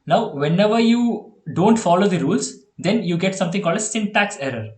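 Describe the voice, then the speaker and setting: A man with an Indian English accent tutoring a child in programming on a video call, chatty and quick to laugh. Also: high voice, animated, reverberant. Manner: chatty, laughs often, repeats okay and yeah. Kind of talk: online one-on-one coding lesson.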